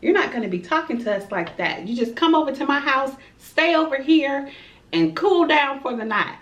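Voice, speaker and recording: A woman's voice: high voice, lively intonation, moderate pace, fairly bright tone, voice pushed up. A woman voicing a stern older grandmother who scolds firmly in a put-on accent, in a roomy, distant, dull-sounding home recording. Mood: scolding. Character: stern old grandmother laying down the law.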